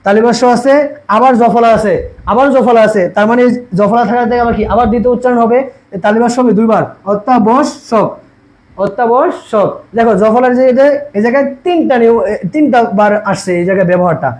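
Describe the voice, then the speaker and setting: A young male teacher with a very high voice. He walks through each rule step by step and asks his students questions that he answers himself. He says each word slowly, over and over. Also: darkish tone, rough recording. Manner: repeats words slowly to drill pronunciation. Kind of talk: exam-prep lesson.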